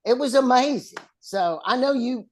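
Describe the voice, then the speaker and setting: A man's voice: extremely high pitch, animated, moderate pace. A man with a West Texas twang, telling stories in casual conversation. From West Texas, United States. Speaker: lawyer and author, in conversation.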